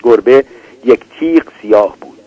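A man reading a literary story aloud in a measured, deliberate way. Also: medium pitch, dull audio. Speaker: narrator. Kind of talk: literary audiobook narration.

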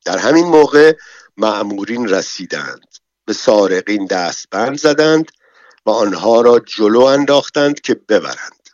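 A man narrating an audiobook in a measured, dramatic storytelling manner. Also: lowish voice, expressive, no room sound. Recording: dull, dry, lo-fi recording.

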